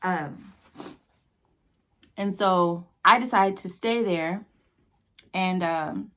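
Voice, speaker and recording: An American woman telling a casual, rambling personal story with halting pauses, talking between bites with her mouth sometimes full. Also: lowish voice, pushed and bright. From New Mexico, United States. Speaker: vlogger telling a personal story while eating.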